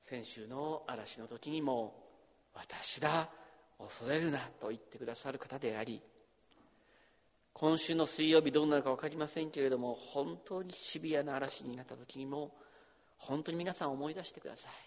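Man, pastor, sermon, middle pitch, loud-to-hushed delivery, long hall reverb. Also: normal speed. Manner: swings between loud emphasis and hushed near-whisper.

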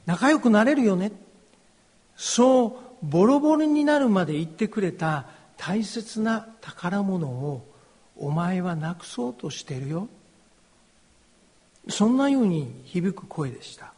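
A middle-aged pastor with a high, husky voice delivers a slow, earnest, confessional testimony. His words ring out with a long hall reverb behind them. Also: very animated, mellow. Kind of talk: personal testimony sermon.

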